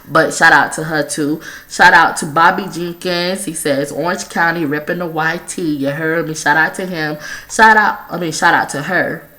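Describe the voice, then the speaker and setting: A woman's voice: sits low, pushed and bright. A young adult woman chatting casually as a vlogger, informal and slangy, swearing freely. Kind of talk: casual chatty vlog shout-outs.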